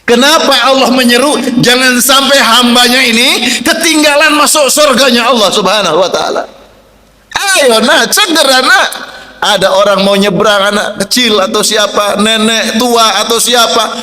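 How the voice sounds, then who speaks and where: A man preaching a sermon, moving between soft quiet asides and loud calls, and chanting verses slowly. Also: very high-pitched, echoey room, in a large hall.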